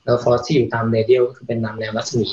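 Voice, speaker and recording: A man's voice: medium pitch, little pitch movement, fast talker, darkish tone, a little hiss or hum. A man hosting a technical webinar, explaining patiently with frequent fillers. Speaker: webinar host and presenter. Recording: roomy, slightly dull audio.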